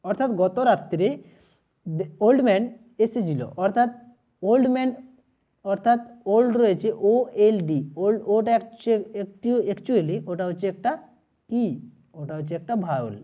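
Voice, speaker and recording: A woman teaching an exam-prep grammar lesson, explaining step by step, spelling out letters and repeating pronunciations, and slowing down to dictate example sentences. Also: mid-range voice, lively intonation. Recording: slightly dull lo-fi audio.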